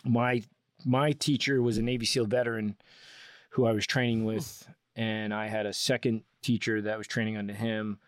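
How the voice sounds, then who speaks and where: Low-voiced man recounting his career. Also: level tone, moderate pace, no echo. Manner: enthusiastic, rambling explanations with frequent restarts. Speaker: guest. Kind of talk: casual interview storytelling.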